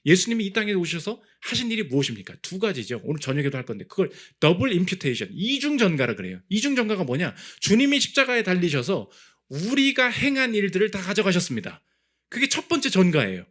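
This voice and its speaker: Male pastor, sermon, slightly high pitch, very animated delivery with emphatic peaks. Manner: animated, acts out quoted voices, builds to emphatic peaks. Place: church sanctuary.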